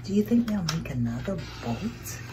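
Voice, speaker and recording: In a small living room, a middle-aged woman on the couch reads a picture book to young children, improvising expressively with questions and exclamations. Her mid-range voice has a sing-song lilt at normal speed, with background noise present.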